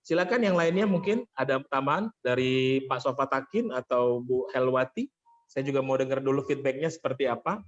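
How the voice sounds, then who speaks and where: A man's voice: medium pitch, moderate pace, dull audio. A man running an online workshop as a vocal training coach, explaining patiently and thanking participants often.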